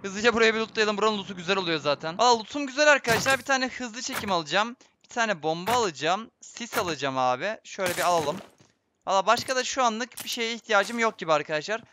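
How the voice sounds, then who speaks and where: There's a little hiss or hum behind this fast, high male voice. A young streamer gives live commentary on his gameplay, excitably muttering his plans, breaking into frustrated outbursts, and addressing viewers throughout.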